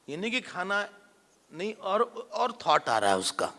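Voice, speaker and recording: A man, a swami, giving a lively spiritual discourse with jokes, mimicking everyday people. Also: high voice. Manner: animated, mimics everyday people, mixes English words. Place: large hall at a retreat. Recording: long hall reverb.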